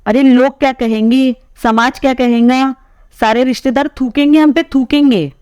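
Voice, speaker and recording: A woman voicing an angry older sister who scolds sharply and rises to loud outbursts, with a smooth, clear voice. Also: a little high, lively intonation, normal speed, dry recording, studio quality, lightly acted. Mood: angry scolding.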